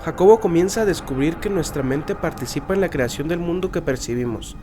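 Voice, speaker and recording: Casting: male podcast narrator, slightly high voice, horror-trailer drama, music underneath. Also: expressive, brisk.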